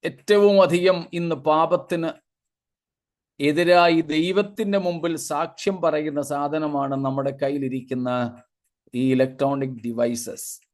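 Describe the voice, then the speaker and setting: Slow, deliberate preacher man. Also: on the high side, fairly even intonation, a little mellow. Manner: deliberate preaching with long spoken lists and repeated 'praise God' asides. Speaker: pastor. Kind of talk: Bible sermon.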